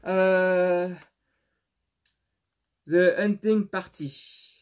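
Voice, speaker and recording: A young man with a non-native French accent talks slowly and with hesitation, his voice sitting a little high for a man. He stops and restarts often and leans on fillers, keeping the tone of an unscripted vlog. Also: steady tone, slight background noise. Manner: halting and unsure, many fillers and restarts. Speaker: YouTuber showing his CD collection. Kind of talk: casual vlog commentary.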